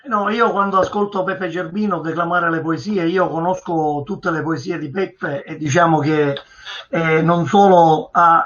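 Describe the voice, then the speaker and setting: A man's voice: a little high, sharp tone. A man with a Sicilian accent discussing as a talk show guest, repeating himself for emphasis as he searches for words. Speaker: guest speaker. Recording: dull, lo-fi sound.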